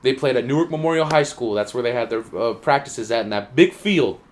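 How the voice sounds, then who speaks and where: A young man, a college football player, co-hosting a casual podcast and telling stories in slangy talk, acting out quotes with big jumps in pitch and loudness. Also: expressive, fairly quick, noisy background. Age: young adult. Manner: slangy, swears freely.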